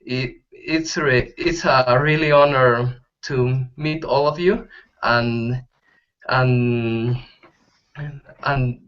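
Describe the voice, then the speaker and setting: A young man from Bolivia, a medical student, introducing himself slowly with restarts. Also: mid-range voice, fairly even intonation, fairly bright tone, smooth. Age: young adult. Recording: dull online call audio.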